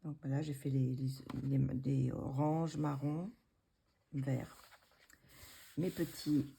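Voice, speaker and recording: A woman casually showing her coloring books, hesitant with many fillers and restarts, gently self-deprecating. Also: extremely low pitch, fairly even intonation, slow, creaky, slightly rough. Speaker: coloring book vlogger.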